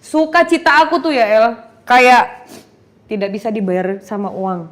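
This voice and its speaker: A woman's voice: a little high, expressive, a little slow. A young woman telling an emotional personal testimony in an interview, acting out the dialogue in her story and slipping in English phrases. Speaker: guest giving a testimony.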